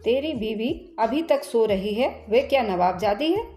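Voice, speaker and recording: A woman's voice: a little high, lively intonation, unhurried, dark tone, echoey room, soft background music. A woman voicing a stern older father-in-law who scolds harshly. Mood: angry scolding.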